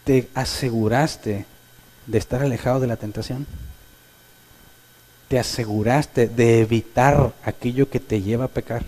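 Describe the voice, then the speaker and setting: A man preaching from the pulpit, his voice dark and mellow. He is animated and often slips into the voices of the people he quotes. His pitch sits in the ordinary middle range. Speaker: pastor. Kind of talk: sermon.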